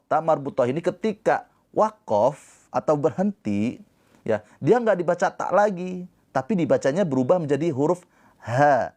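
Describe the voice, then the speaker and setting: A man teaching tajwid on a live stream, explaining slowly and patiently and breaking into drawn-out chanted recitation. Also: mid-range voice, mellow. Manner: talks to viewers in the comments.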